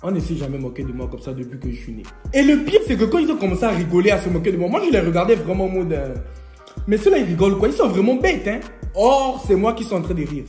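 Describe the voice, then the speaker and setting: High-voiced young man telling a funny story. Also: fast. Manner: lively, joking storyteller who laughs often. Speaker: vlogger. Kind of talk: storytime vlog. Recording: echoey room, faint music.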